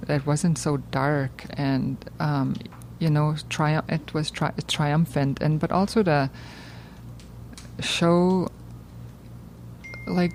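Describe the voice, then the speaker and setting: Halting woman filmmaker in an interview. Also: low voice, darkish tone, a little hiss or hum. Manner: halting, searching for words. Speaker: filmmaker guest. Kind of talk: conversational interview.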